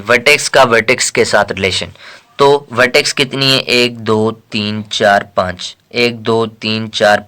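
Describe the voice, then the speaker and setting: A man's voice: medium pitch, sharp tone. A man from Pakistan teaching a math lesson in a casual lecture style, counting aloud and reading questions before explaining them.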